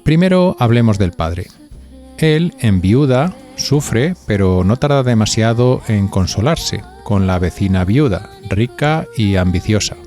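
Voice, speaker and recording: With soft music behind him, a man from Spain hosts a podcast, reading a script and putting casual questions to listeners. His lowish, mellow voice is animated and unhurried.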